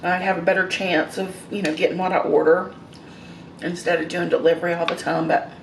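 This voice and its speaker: A woman chatting casually in a mukbang as she eats crunchy fried chicken, pausing between remarks with satisfied mms. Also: lowish voice, flat delivery. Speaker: mukbang vlogger. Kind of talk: casual mukbang chat while eating. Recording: roomy echo, noticeable background noise.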